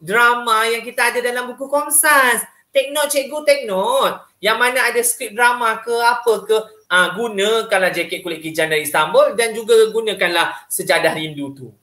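A man with a Malaysian Malay accent gives a casual training talk to teachers. His voice is bright and lively, and he keeps checking in with his listeners. The recording is roomy, with a noticeable echo. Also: very high voice, normal speed.

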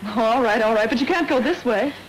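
A plucky young heroine detective, played by a woman, brisk and coaxing in 1930s screen style. Her voice sits high, and a faint hiss runs under the old film sound. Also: animated, lightly acted, low-quality recording. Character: plucky young woman sleuth, bossy and quick.

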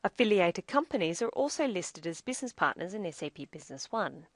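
Her voice somewhat low but swinging widely in pitch, a woman narrates a software demonstration from a script and explains each step in a measured way. The audio is close and dry, with no room sound.

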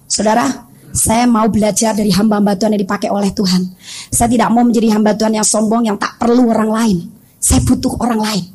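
A woman's voice: mid-range voice, brisk. A woman pastor preaching a sermon, telling stories and acting out the voices of the people in them. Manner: animated, acts out voices in her stories. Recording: radio broadcast.

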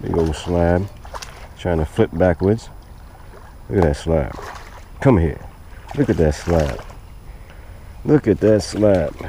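A man with a low, mellow voice calls out his catches on a lakeshore, coaxing each fish in as he reels. He records on a head-mounted camera outdoors, with a faint hiss of open air behind him. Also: expressive, slow pace, long pauses. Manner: talks to the fish while reeling. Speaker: angler filming himself. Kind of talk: excited fishing commentary. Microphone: head-mounted action camera.

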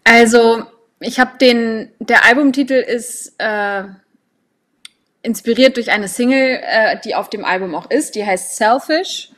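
A woman's voice: a little high, a little slow, fairly bright tone. A young woman from Hamburg, a singer interviewed over a video call from home, speaking thoughtfully with fillers. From born in London, grew up in Hamburg. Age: young adult. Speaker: singer, guest. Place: home room. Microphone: laptop webcam on video call.

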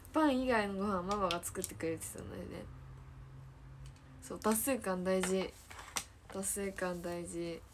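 A woman's voice: medium pitch, expressive, measured pace, long pauses, noisy background. A teenage girl with a Kansai accent chatting casually on a livestream, giggling often and repeating her own phrases as she reads viewer comments. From Hyogo, Japan. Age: teens. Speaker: idol trainee livestreamer.

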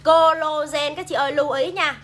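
A woman with a Southern Vietnamese accent runs a chatty live sales stream, reading viewer comments out loud and pushing products in a casual pitch. Her voice is high, steady and fairly bright, at a normal speed.

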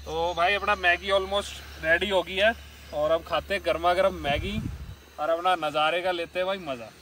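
A man's voice: high-pitched, steady tone, moderate pace, bright, forceful tone, slight background noise. A young man from India, enthusiastically chatting to viewers in a travel vlog, first from inside a car and then on a mountainside. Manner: enthusiastic, addresses viewers as brothers. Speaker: travel vlogger. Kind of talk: casual travel vlog chat.

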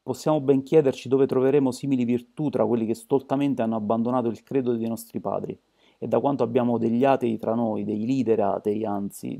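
Audiobook figure: a pompous orator with a warm, gravelly voice, read by a man. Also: mid-range voice, lightly acted. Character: pompous middle-aged male politician.

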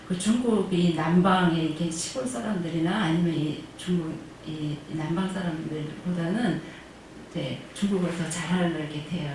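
A woman with a fairly low, darkish voice teaches Chinese pronunciation in an online lesson from a classroom at a senior welfare center. She drills tones aloud, sometimes singing them, and asks her class questions she answers herself. The room is very echoey, she's far from the mic, and there's faint noise.

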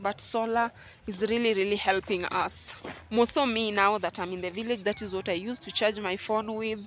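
A Kenyan woman whose first language is Luo vlogs casually from her rural farm, chatting to viewers she calls family and guys. She was recorded outdoors on a phone, her mid-range voice carrying a little hiss or hum.

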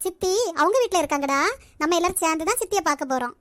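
A woman doing a cartoon grandmother who fusses over her grandchild and orders the household about. The voice sits very high and rattles along at a quick clip. She is fussy and doting at once. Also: expressive, no echo. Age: older. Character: affectionate elderly grandmother, head of the family. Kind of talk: cartoon voice acting.

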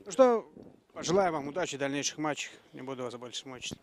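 A man in his thirties conducting post-match interviews outdoors into a handheld microphone, phrasing his questions a bit haltingly. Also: a little high, lively intonation, very noisy. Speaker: sports interviewer. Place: outdoors at a football stadium.

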